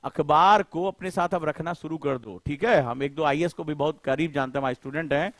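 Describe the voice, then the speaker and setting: Coaching teacher guy, high voice, fired up, asks students question after question, dry close sound. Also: a little fast, a bit bright, no room sound. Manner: impassioned, rhetorical questioning; colloquial, addresses students directly. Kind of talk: live online lecture.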